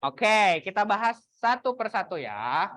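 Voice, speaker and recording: A woman's voice: mid-range voice, big pitch swings, fairly bright tone. Chatty young woman lecturing a class. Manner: teasing, chatty, slows down to model English examples. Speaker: university English lecturer.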